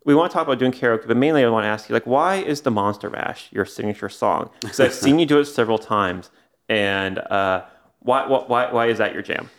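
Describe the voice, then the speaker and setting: A man's voice: mid-range voice, fairly quick. A man hosting a podcast, talking in a wry, conversational way. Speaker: podcast host. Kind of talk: casual chat.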